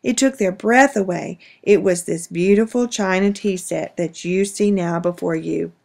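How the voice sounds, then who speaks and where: A woman voicing a devoted mother in a storybook, speaking gently. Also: fairly low pitch, unhurried, vocal fry. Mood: fond. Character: warm devoted mother telling family stories.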